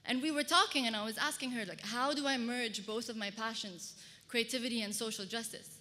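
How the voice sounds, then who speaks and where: A Kuwaiti woman, a fashion designer and public speaker, tells a personal story to a conference audience in a large hall. Her voice sits a little high and sounds sharp, and her delivery is brisk. The amplified stage talk echoes through the reverberant room.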